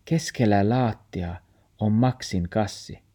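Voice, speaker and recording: A man reading a children's story aloud in a calm, even manner. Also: on the low side. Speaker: narrator.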